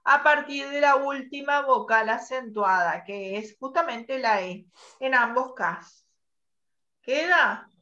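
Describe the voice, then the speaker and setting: A woman's voice: high-pitched, lively intonation, sharp tone. Patient woman teaching online. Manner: patient, quizzing students, spelling out sounds slowly. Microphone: video call. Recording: muffled online call audio.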